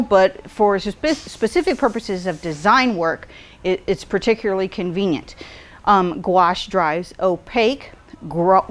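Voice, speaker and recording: A middle-aged woman presenting a short art tip for a store, chatty and explanatory, with fillers and self-corrections. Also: mid-range voice. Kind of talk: casual instructional talk.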